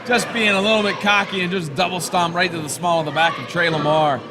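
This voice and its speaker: High-pitched excitable male wrestling commentator, noisy recording. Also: a little fast. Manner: excitable, exclamatory calling of moves.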